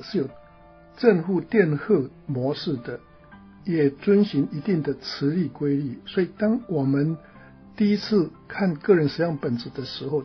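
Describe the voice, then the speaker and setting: A man giving a spiritual teaching lecture, explaining step by step, asking rhetorical questions and often ending phrases with a soft tag particle. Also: fairly high pitch, highs cut off.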